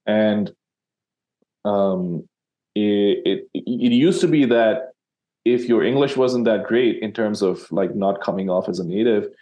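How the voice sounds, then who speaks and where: A man's voice: fairly low pitch, slow pace, dark tone. A man from Sri Lanka, a copywriter guest in an interview, talking casually with many fillers and restarts.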